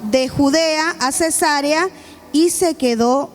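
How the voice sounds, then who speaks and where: A woman from Bolivia preaches a sermon, retelling a scripture story, acting out its quotes and calling out to the congregation. Her voice is high-pitched and she speaks slowly. Faint music plays behind her.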